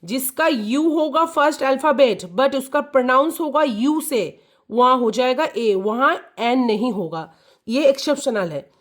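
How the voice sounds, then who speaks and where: A woman's voice: high-pitched, lively intonation, unhurried. A woman teaching an English lesson to children, often repeating key words and checking that they understand.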